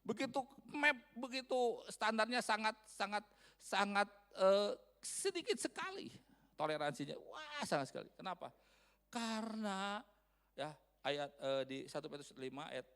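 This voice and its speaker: Gravelly preacher. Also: male voice, high voice, unhurried. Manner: animated preaching, swinging from loud emphasis to quiet asides. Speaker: pastor. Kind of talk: sermon. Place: church.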